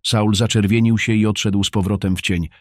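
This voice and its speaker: Deep-voiced man narrating a story. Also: steady tone, a little fast, dry recording, studio quality.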